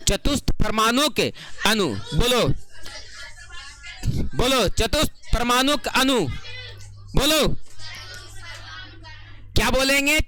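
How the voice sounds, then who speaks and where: A man's voice: high voice, sharp tone. A young man with a Bihari Hindi accent teaching a class, asking questions again and again in a chatty, sing-song way. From Bihar, India. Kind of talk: classroom lecture.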